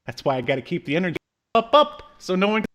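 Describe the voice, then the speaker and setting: On a video call from a home room lined with shelves, a man in his thirties with a slight cold co-hosts a pop culture review podcast. He chats casually and jokingly in a high, sing-song, somewhat bright voice, talking fast.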